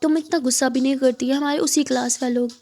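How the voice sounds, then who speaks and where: A possessive, hot-tempered young woman, as a woman narrator puts her on, curt and jealous in a storybook romance. The voice is high and mellow. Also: steady tone, quick pace.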